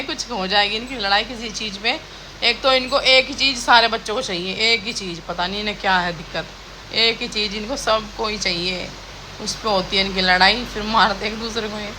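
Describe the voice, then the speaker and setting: A woman's voice: a little high, bright, forceful tone, a little hiss or hum. A young woman, a mother, chatting casually in a home vlog and scolding her children now and then. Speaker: vlogger and mother. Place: home kitchen and rooms.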